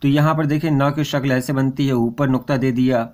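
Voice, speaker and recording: A man's voice: medium pitch, fairly even intonation, a little fast, a little mellow. Patient male Urdu script teacher. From India. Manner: patient, repetitive, points at the board. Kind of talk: explaining letters step by step.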